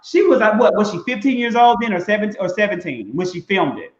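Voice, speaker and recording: A man's voice: high voice, expressive, fast talker. A man from Mississippi, co-hosting a casual discussion in an emphatic, preacherly cadence. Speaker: podcast co-host. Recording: roomy, dull lo-fi sound.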